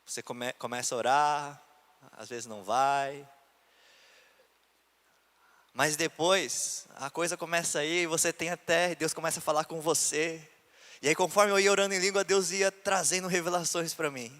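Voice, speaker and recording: A man's voice: on the high side, steady tone, normal speed, a bit bright. A man, a pastor telling his own story in a sermon, acting out the voices of the people he quotes. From Brazil. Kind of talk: sermon testimony. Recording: long reverb of a church hall.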